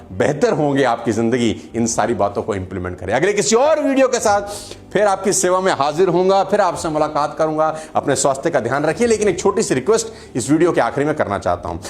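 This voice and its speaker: A man giving a motivational talk to camera, animated and storytelling, with acted quotes and jokes. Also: medium pitch. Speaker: motivational speaker and video creator.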